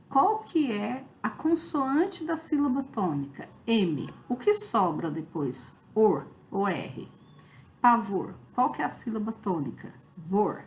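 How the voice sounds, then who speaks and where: A Brazilian woman teaches a literature review class in an explanatory way, pausing often to check in with her students. Her voice sits in a middle pitch. A faint hiss of noise runs under the recording. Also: poor audio. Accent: Brazilian Portuguese. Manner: explanatory, many fillers like "né?" and "tá?". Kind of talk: online review lecture.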